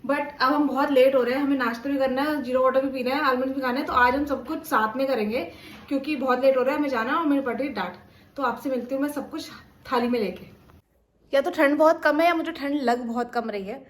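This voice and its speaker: A young woman with an Indian accent, chatting quickly and casually as a vlogger. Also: sits high. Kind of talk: casual vlog chat in Hindi-English mix.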